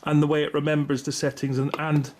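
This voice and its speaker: On the high side with a darkish tone, this middle-aged British man delivers flatly and fast as a video host reviewing gear. He speaks casually without a script, rambling, hesitant, and often correcting himself. Background noise and room ambience are clear.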